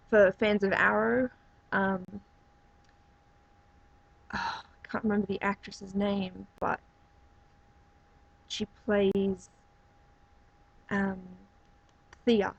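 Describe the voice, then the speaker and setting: Woman reviewer, chatty and meandering, slightly raspy tone, muffled low-fi recording. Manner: rambling, many fillers and restarts. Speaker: movie reviewer. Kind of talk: casual spoken review.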